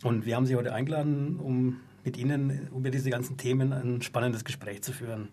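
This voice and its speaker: A man's voice: mid-range voice, steady tone, a little fast, warm tone, slight background noise. A man co-hosting a radio talk show, speaking from the studio with frequent hesitant fillers.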